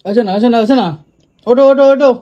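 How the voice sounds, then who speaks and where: A woman's voice: a little high, rapid-fire, mellow, highs cut off. A woman coaxing and teasing playfully as a vlog host in casual family banter.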